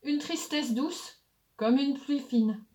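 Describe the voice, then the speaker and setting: A woman narrates a children's story in a calm, soft voice. She reads slowly and gently, with a high, light tone.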